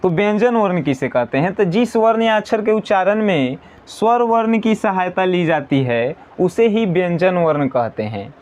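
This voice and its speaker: A man teaching an exam-prep grammar lesson, slowly repeating definitions and answering his own questions. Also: high-pitched, expressive, darkish tone.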